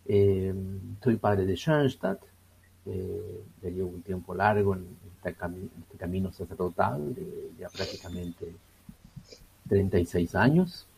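A Chilean man in his sixties answers radio interview questions as a priest. His voice is low and gravelly with a husky edge. He talks very slowly, stopping often to search for words. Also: animated, darkish tone. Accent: Chilean Spanish. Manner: slow and hesitant, many fillers. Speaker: priest, guest.

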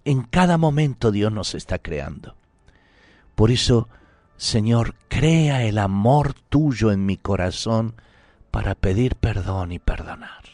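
A man's voice: fairly low pitch, lively intonation, slow pace, darkish tone, dry recording. A man preaching a sermon in an earnest, pleading, intimate way, sometimes dropping to a whisper.

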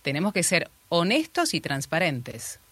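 A woman's voice: low voice, huge pitch swings, unhurried, a bit bright, slightly rough, no room sound. A woman hosting a radio interview who often chimes in to agree with her guest. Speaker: radio host.

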